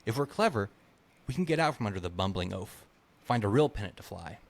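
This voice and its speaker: A man's voice: lowish voice, animated, fairly quick. An author reading aloud, a man voicing a young, eager male squire who pleads earnestly. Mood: pleading.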